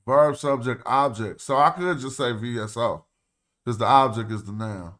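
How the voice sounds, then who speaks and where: A man's voice: medium pitch, moderate pace, fairly bright tone. Dude on a stream breaking down hieroglyphs, super casual, talks as he thinks. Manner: loose and conversational, thinks aloud, slangy. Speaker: host. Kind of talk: casual livestream walkthrough of hieroglyph texts.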